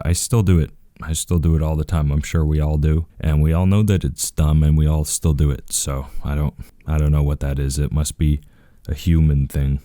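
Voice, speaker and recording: A man with an extremely low, dark voice chats casually for his vlog. He talks quietly and in a laid-back, rambling way, close to the mic. The sound is dry and dead, with no room in it. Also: no echo. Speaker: video creator. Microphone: close microphone.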